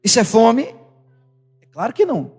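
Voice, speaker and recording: A Brazilian pastor with a strikingly high voice preaches with animated emphasis, firing rhetorical questions at the congregation. His words ring through a church hall with a long reverb, and soft music plays behind him. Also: moderate pace, breathy edge. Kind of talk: sermon.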